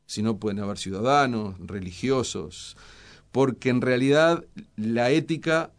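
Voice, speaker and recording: Measured Uruguayan man explaining science. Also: medium pitch. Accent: Uruguayan Spanish. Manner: measured, explanatory, many hesitations. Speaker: scientist guest. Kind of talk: radio interview answers.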